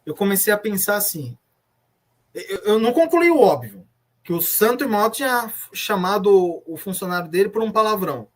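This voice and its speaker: A man's voice: sits high, sing-song, normal speed. Brazilian man giving earnest testimony. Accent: Brazilian Portuguese. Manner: earnest, reflective, retelling memories with many restarts. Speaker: former church member giving testimony. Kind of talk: personal testimony in an interview.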